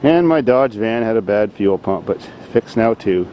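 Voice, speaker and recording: A man's voice: lowish voice, normal speed, highs cut off, a little hiss or hum. Rambling man outdoors on a farm. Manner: rambling, jokey, deadpan. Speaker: vlogger. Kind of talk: casual vlog walkthrough.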